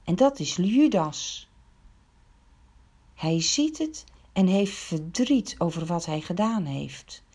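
A woman's voice: lowish voice, expressive, slow, dark tone. A woman telling a Bible story to children, dramatic and full of questions to the listeners.

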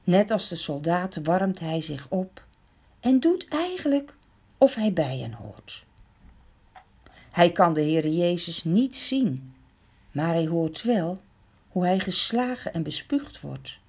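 A woman's voice: lowish voice, darkish tone, husky. A woman telling a Bible story to children, dramatic and full of questions to the listeners.

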